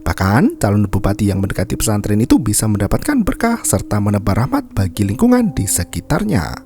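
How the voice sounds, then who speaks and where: A man's voice: fairly low pitch, wildly swooping pitch, fairly quick, mellow. A man narrating a film recap as scripted, dramatic storytelling.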